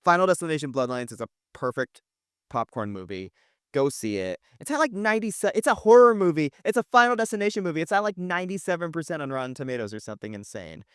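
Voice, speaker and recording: A podcast co-host talks through movies with emphatic, gushing enthusiasm and the occasional swear word. His voice is smooth and clear. The sound is dry and close to the mic. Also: fairly high pitch, expressive, quick pace, a bit bright, no echo. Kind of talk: casual movie review chat.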